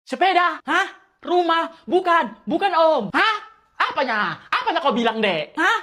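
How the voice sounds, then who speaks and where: A woman performing an animated comedy skit, voicing several characters and often shouting a puzzled "hah?". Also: extremely high pitch, a little slow.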